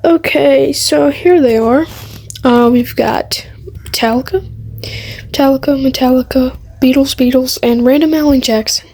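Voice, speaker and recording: A woman vlogs casually to camera, showing off a collection in a rambling, opinionated show-and-tell and repeating phrases. Her voice is high, husky and dark in tone, and she speaks unhurriedly.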